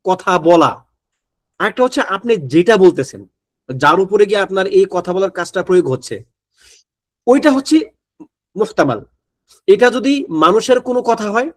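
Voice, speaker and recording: A man teaching an Islamic studies class, reading Arabic text aloud and then explaining it step by step in a conversational way. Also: sits high. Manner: conversational, checks in with listeners.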